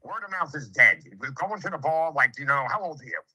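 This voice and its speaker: A man's voice: fairly high pitch, animated, fairly quick, bright, forceful tone, breathy edge, poor audio. A brash man, a home improvement contractor lecturing in casual, streetwise talk with swearing and acted-out quotes. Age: 50s. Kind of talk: casual sales conversation.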